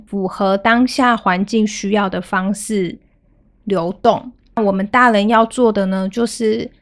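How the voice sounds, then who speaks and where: A woman in her thirties talks calmly on a parenting podcast, her tone gentle and even as she retells a family moment. Her voice sits at a middle height, neither high nor low. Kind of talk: storytelling podcast talk.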